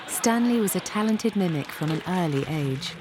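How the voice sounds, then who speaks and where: A woman's voice: on the low side, animated, moderate pace, background noise. A woman giving scripted documentary narration.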